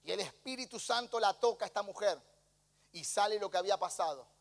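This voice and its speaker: A man's voice: sits high, a little fast, gravelly, long reverb tail. A man with a Rioplatense Spanish accent preaching a sermon as pastor, passionately acting out quoted dialogue.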